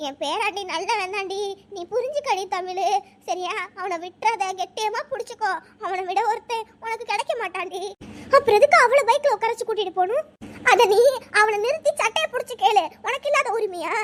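Someone voicing a shrill scolding village granny. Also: expressive, a little fast, a little hiss or hum. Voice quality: very high-pitched, shrill. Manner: scolding, nagging with sharp questions. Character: scolding old village grandmother. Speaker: grandmother. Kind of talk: cartoon voice acting.

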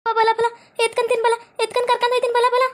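A woman's voice: very high voice, completely flat delivery, racing. A woman playing a frantic young village wife, wailing and repeating herself. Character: frantic young village wife fussing over her husband. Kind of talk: village comedy skit.

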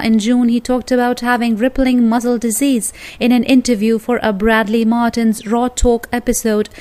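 A woman with a somewhat high voice reads scripted news narration as the channel's host. Her delivery is steady and even, every sentence read out in the same measured way.

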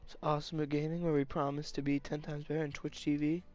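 A man's voice: on the high side, flat delivery, fast talker, a little mellow, soft background music. A young man live-streaming a video game, joking, swearing and talking to his chat. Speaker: gaming streamer.

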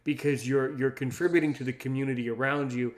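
The Maryland podcast host talks at a quick pace in a medium-pitched, steady voice. He keeps the interview chat casual, rambling and teasing while frequently repeating himself.

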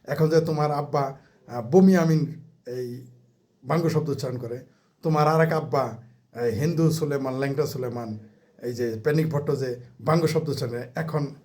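A man's voice: medium pitch, normal speed, long pauses, darkish tone. A man, ranting as a political commentator in a mocking, heated way, with crude insults and rhetorical questions.

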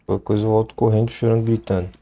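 A man chatting to himself while playing a game, shouting in the fights. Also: lowish voice, flat delivery, rapid-fire, dull audio. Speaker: gameplay commentator. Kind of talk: let's play commentary.

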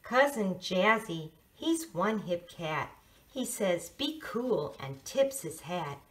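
A female teacher reading a children's picture book aloud, playful and expressive. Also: lowish voice, slow. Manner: sing-song, playful, expressive read-aloud. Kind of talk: storybook read-aloud for children.

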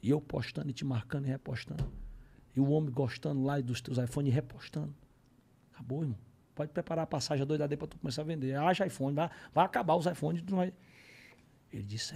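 A man, a comedian telling a comic story on a podcast in slangy, profane talk, swinging between low mutters and loud exclamations. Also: fairly even intonation, quick pace, creaky, breathy edge.

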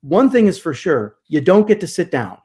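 A man in his fifties, a guest church historian, speaking over a video call from a home study, emphatic and animated with rhetorical questions. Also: sits high, moderate pace, breathy edge. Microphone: video call webcam.

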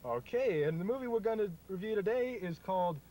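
A young man playing an enthusiastic, stubborn TV film critic hosting a mock review show, halting and repeating words. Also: high-pitched, expressive, mellow. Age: young adult. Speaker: show host. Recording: noisy home video in parked car.

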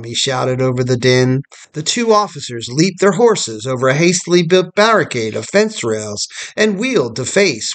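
A man reading a scripted history documentary narration in a measured storytelling manner. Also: medium pitch.

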